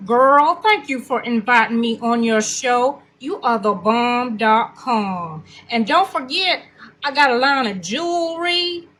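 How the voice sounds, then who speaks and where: Sassy, self-promoting businesswoman guest, played by a woman in sketch comedy: forceful, high, slangy delivery. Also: animated, slow, exaggerated voice. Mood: sassy, boastful. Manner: slangy, brash, upbeat. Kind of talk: comedic character interview.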